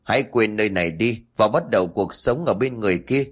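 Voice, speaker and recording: Narrator as a gentle older uncle, steady and resigned, low voice. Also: male voice, fairly quick. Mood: consoling. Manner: calm, consoling, steady.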